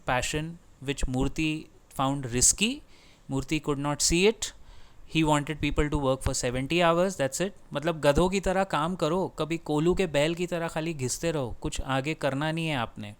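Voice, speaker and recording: A middle-aged man with an Indian accent hosts a finance channel and talks straight to his viewers. His voice sits a little high for a man and comes through smooth and clear. He rants with sarcasm and hits points with sudden emphatic bursts. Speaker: finance video host. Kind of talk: opinionated commentary to camera.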